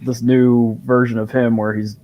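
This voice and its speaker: A man's voice: mid-range voice, flat delivery, moderate pace, highs cut off. A man in casual chat about a movie, rambling along with lots of fillers.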